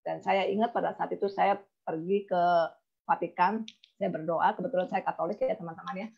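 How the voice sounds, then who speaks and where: A woman insurance agent tells an emotional personal story and acts out the dialogue as she goes. Her voice is husky with a gravelly edge. The recording sounds dull and lo-fi. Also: fairly low pitch, steady tone, fairly quick. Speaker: insurance agent giving a talk.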